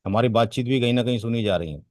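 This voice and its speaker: A man teaching a networking class, speaking at a medium pitch for a man. He drifts off topic, repeats words to drive a point home and throws rhetorical questions at his students. The recording is dry and close. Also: fast, a little mellow, no room sound. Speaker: networking trainer. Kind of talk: classroom lecture.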